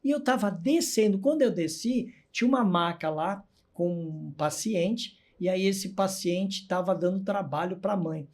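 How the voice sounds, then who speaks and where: A man's voice: high voice, normal speed, hardly any pauses, a little mellow. A man telling a story as a podcast guest, a hospital clown who acts out the people in his stories.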